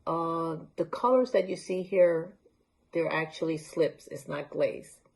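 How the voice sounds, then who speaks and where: A woman's voice: low-pitched, measured pace, creaky, a little mellow. A woman from Honduras, presenting handmade crafts in a casual, unscripted show-and-tell talk and holding pieces up to the camera. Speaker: library art talk presenter.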